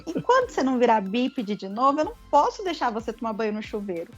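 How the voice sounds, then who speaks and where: A man's voice: very high voice, sing-song, fast, highs cut off, faint music behind, full character voice. A woman imitating a teasing, good-humored male hospital doctor who talks affectionately to his patient. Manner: affectionate, joking.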